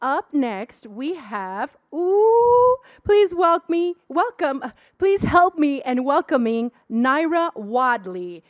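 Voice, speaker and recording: High, lively woman emceeing an event. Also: slow, hardly any pauses, dry recording. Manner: upbeat and enthusiastic, rallying applause. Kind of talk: event hosting.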